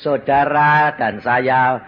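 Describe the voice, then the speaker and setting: A man preaching a testimony sermon, telling his story dramatically with sudden loud exclamations. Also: mid-range voice, steady tone, very slow. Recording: slightly dull recording with faint ambience.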